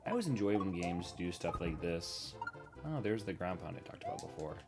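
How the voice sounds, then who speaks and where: A low-voiced man in his thirties chats his way through an old platform game, joking about himself and coaxing the little characters on screen. His pitch swings widely as he talks, and bright game music plays clearly behind him. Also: wildly swooping pitch, brisk. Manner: chatty, self-deprecating, talks to the game characters. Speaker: gaming streamer. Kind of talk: casual let's-play commentary. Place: home desk setup.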